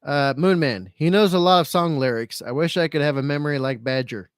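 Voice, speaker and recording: Man, fairly high voice, close dry sound, rambling streamer chat, repetitive, resigned complaining, some swearing. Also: brisk, clean tone, no echo. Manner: rambling and repetitive, circling back over phrases; self-pitying, resigned complaining. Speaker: live stream host. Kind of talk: casual live-stream chat, reading out viewer comments.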